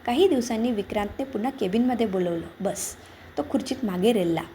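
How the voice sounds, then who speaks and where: A woman reads a scripted story in a calm, measured way. Her voice is warm and mellow, with a faint hiss of noise behind it. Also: a little high. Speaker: narrator.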